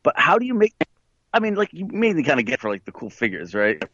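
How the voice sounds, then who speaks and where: Over a spotty internet call line, a man talks casually in a loose style full of fillers, his voice a little high with huge pitch swings, fast, bright, forceful and husky. The call audio is dull and dry, without echo.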